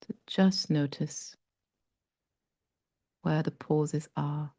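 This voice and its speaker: A meditation guide leads a breathing exercise in a low, mellow voice with a breathy edge and fairly even intonation. She speaks slowly, softly and gently, leaving long pauses between phrases. The recording is close and dry, with no echo.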